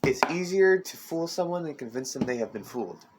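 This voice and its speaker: A man's voice: on the high side, lively intonation, noisy background. Teen male podcast host, casual and rambling, homemade desk mic with audible clicks and knocks. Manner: rambling, halting, full of fillers and restarts. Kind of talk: casual chat. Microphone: amateur desk mic.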